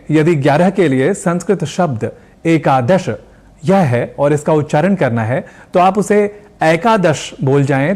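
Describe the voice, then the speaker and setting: A man with a slightly high voice teaches pronunciation in a scripted broadcast lesson. He speaks carefully and deliberately, and he slows down to model each sound clearly. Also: a little mellow. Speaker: Sanskrit language teacher.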